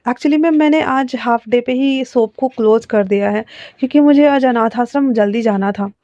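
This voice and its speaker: A woman's voice: a little high, normal speed, warm tone, no room sound, natural voice. Woman voicing a chatty teasing young man. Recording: dull lo-fi recording.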